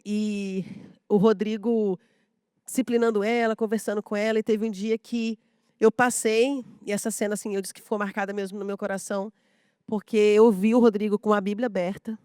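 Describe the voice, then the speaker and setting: A woman's voice: medium pitch, mellow, dry recording, clean studio sound. A woman from a school staff, sharing heartfelt stories at a round table, full of fillers and moved to tears at moments.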